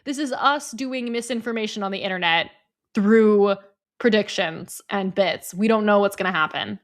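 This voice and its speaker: A woman co-hosting a podcast in casual chat, playful and quick to laugh. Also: mid-range voice. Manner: playful, giggly, bubbly. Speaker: podcast co-host.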